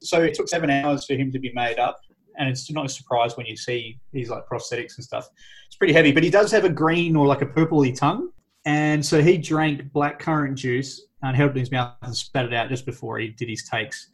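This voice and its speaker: A man's voice: medium pitch, fairly quick, rough recording. A man in his thirties chats about a film with his co-host. He shares trivia with real enthusiasm and chuckles often. His tone is casual and friendly. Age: 30s. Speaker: podcast co-host. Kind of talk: casual film review chat.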